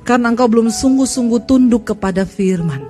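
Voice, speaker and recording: High-voiced woman preaching animatedly. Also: brisk, faint music behind. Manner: animated preaching with acted quotes. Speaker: pastor. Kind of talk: sermon.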